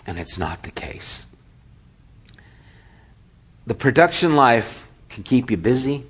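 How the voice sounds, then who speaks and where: A man preaching a sermon as a pastor, telling a story with lively acted-out quotes and drops to a hushed, near-whispered voice. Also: mid-range voice, takes it slowly, husky.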